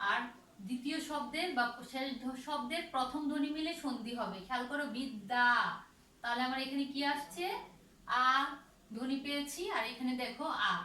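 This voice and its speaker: High-voiced teacher woman, slow and repetitive. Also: pushed and bright, a little hiss or hum. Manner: slow, repetitive, asks and answers her own questions. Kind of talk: online grammar lesson. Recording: roomy echo from far off, faint ambience.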